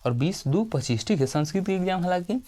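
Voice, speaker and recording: A man with a Bihari accent, teaching in a tired state late at night, speaking slowly and softly as he dictates a letter format and keeps checking in with "okay". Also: sits high, animated.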